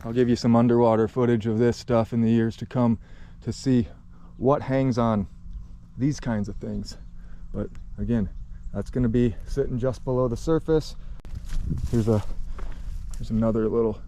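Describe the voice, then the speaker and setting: A mellow-voiced man walks and talks outdoors, a bit winded, explaining things in a loose, rambling way. He trips over his phrasing and restarts as he goes. Faint outdoor noise sits behind him. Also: medium pitch, fairly even intonation, moderate pace. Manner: rambling, self-correcting, offhand. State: out of breath. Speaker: channel host. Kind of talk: casual outdoor walkthrough. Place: outdoors by a pond.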